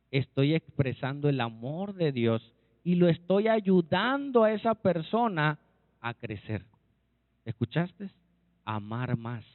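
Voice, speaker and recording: A man with a Mexican accent preaching a sermon as pastor, emphatic, often checking in with the congregation, and swinging between forceful lines and soft, dropped phrases. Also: a little high, no echo. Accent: Mexican Spanish. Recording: dry, narrow phone-like sound.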